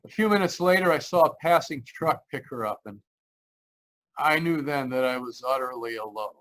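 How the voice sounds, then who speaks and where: Performing live and remotely over a video call, an actor narrates and plays the lead in a 1940s-style radio drama: a frightened, desperate young man driving cross-country, haunted and weary. He halts and repeats his phrases in a natural, animated, fairly bright voice of medium pitch, and the recording quality is low.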